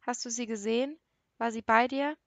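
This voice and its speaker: Heartbroken father in an audiobook, tearful and broken, read by a woman with a higher voice, dry close sound. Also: fairly even intonation, moderate pace, vocal fry, no room sound. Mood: distraught. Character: distraught middle-aged father, sobbing.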